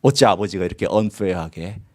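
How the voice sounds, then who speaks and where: A man preaching a sermon as pastor, asking his congregation questions and swinging his voice high and low as he acts out the scripture. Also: fairly quick. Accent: Korean. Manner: animated preaching with sharp pitch swings. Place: church sanctuary.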